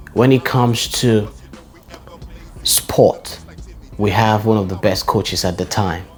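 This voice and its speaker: A Nigerian man in his forties speaks in a very low voice, looking back fondly on where he grew up and reeling off names and shout-outs. Faint music plays behind him in this personal vlog. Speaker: vlogger.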